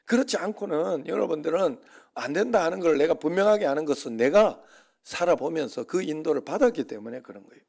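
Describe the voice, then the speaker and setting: A middle-aged man preaching a sermon as pastor, telling a story with lively acted-out quotes and prayers. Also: a little high, vocal fry. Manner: animated storytelling, acts out prayers and quoted speech.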